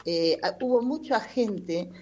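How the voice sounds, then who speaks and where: A woman's voice: mid-range voice, animated, slow, a little mellow, breathy edge. A woman explaining a legal matter in an interview, hesitating often with fillers. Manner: explanatory, many hesitations with "este". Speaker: patronato representative. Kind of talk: radio-style interview answers.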